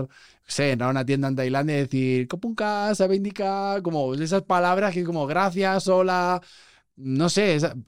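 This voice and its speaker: This man speaks with a smooth, resonant voice. He sits close to the microphone in a dry room, and he tells animated anecdotes as a guest in a casual podcast chat. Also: fairly high pitch, no room sound. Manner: animated storyteller, acts out quoted voices.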